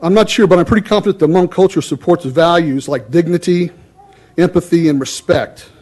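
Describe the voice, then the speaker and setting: A man's voice: a little high, a little fast, darkish tone. A man giving a formal public comment at a council meeting in a stern, indignant, accusatory way.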